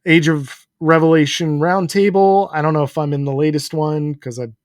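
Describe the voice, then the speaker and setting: A man's voice: fairly high pitch, steady tone, moderate pace, no room sound, clean studio sound. A man co-hosting a comics podcast in casual chat, easygoing and agreeable, plugging the show. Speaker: podcast co-host.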